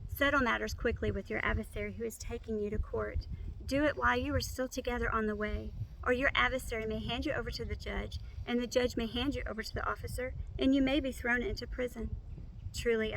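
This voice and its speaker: A woman reciting memorized scripture by rote, in measured, complete phrases. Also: on the high side, steady tone, vocal fry, fairly bright tone, a little hiss or hum, low-quality recording.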